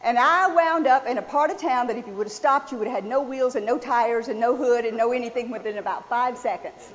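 A woman preaching a sermon, telling a personal story in a folksy, animated way. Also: on the high side, brisk, a little hiss or hum. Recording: dull sound with long hall reverb.

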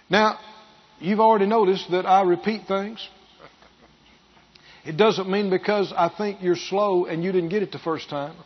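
A pastor preaching a sermon, repeating key phrases for emphasis and building to loud bursts. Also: male voice, sits high, husky, dull audio.

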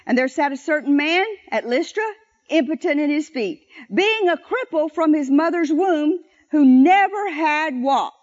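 High-voiced woman preaching with call-and-response. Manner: animated, slows down to stress scripture and leads the crowd in repeating lines. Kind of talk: sermon with congregation call-and-response. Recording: dull, lo-fi church recording.

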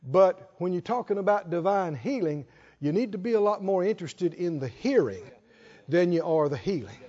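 A man's voice: high-pitched, lively intonation, normal speed, darkish tone, muffled recording. A male pastor preaching a sermon, emphatic, prompting the congregation with short questions.

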